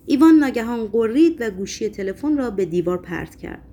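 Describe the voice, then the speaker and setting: A woman narrating an audiobook in an expressive, dramatic reading style. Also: mid-range voice.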